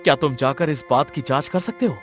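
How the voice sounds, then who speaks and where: A man with a voice on the high side plays a lovestruck, commanding king in a Hindi cartoon story, smitten with a woman he saw in a dream. He speaks a little fast in formal, stately diction, earnest and regal yet close to an everyday voice, over soft background music.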